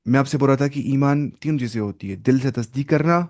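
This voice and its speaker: A man's voice: medium pitch, a little mellow. Man teaching a Quran lesson, Arabic then Urdu. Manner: recites Arabic slowly, then explains in Urdu with English words mixed in.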